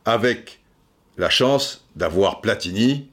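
A man's voice: on the low side, lively intonation, takes it slowly, fairly bright tone. A middle-aged man telling football history in a casual way, stumbling into frequent repeated words and fillers as he addresses the listener directly. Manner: many stammered repeats and fillers. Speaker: football storyteller. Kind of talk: casual spoken storytelling.

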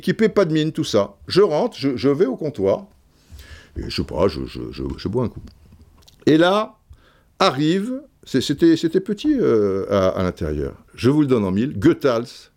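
A man's voice: on the low side, darkish tone. An older man from Africa, a podcast host, telling an anecdote in a rambling way with many fillers and restarts. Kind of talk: storytelling anecdote.

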